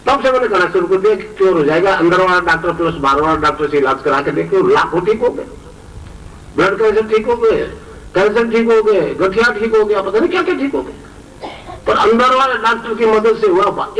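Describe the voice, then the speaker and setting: Guru guy preaching, high voice, emphatic, far from the mic. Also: animated, a little fast, a bit bright. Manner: emphatic, storytelling, repeats points. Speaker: spiritual guru. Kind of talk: sermon.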